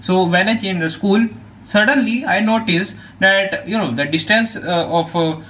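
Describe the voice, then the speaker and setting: Poor audio captures a Punjabi teen with an Indian accent whose first language is Hindi, chatting to camera in a meandering way full of fillers and false starts. The voice sits high and a bit bright, moving at a moderate pace.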